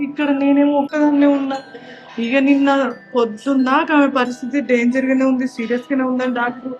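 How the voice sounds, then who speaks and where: An actress playing a worried village wife who talks urgently and gives instructions, with a Telangana accent. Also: female voice, high-pitched, darkish tone, lo-fi sound, natural voice. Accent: Telangana Telugu. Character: worried young village wife, taking charge.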